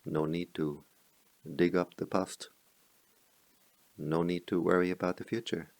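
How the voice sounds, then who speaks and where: In slow, deliberate phrases with pauses in between, a low-pitched man leads a guided meditation as the teacher. His tone stays level, and there's no echo on the recording.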